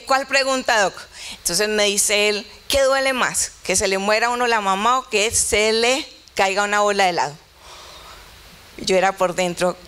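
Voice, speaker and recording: A woman's voice: fairly high pitch, pushed and bright, smooth. A middle-aged woman pastor, telling a personal story in a conversational sermon and voicing both sides of the dialogue.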